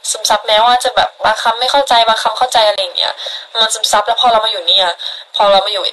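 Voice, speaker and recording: A woman's voice: medium pitch, fast, sharp tone, poor audio. A 21-year-old woman from the Netherlands chatting casually on a live stream, answering viewers and thanking them for gifts.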